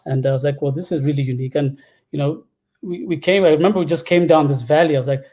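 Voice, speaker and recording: His voice sits on the high side with a dark tone and a quick pace. This Zambian product executive in his thirties is an interview guest on a video call from a room at home, casually and hesitantly sharing personal stories.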